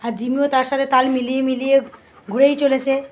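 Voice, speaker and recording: A woman's voice: high-pitched, little pitch movement, brisk, darkish tone, slight background noise. A young woman narrating a home video of her dogs, slipping into fond baby-talk. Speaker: vlogger filming her dogs. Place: at home indoors.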